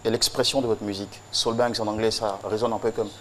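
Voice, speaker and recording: His voice is lowish and barely shifts in pitch as he talks fast through a tribute on a TV show. He stays solemn and rhythmic, repeating phrases for emphasis, against a little background noise.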